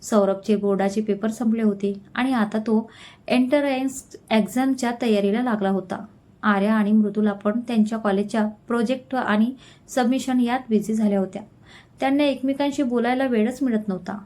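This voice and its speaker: A woman storyteller narrating a scripted story, reading steadily and clearly. Her voice sits fairly high, with an even pace. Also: moderate pace.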